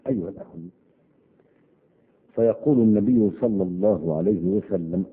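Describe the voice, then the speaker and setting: A man's voice: fairly low pitch, lively intonation, fairly quick, gravelly. A man giving a religious lesson, explaining verses word by word and repeating key words with climbing emphasis. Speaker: Islamic teacher explaining scripture. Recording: tinny radio broadcast.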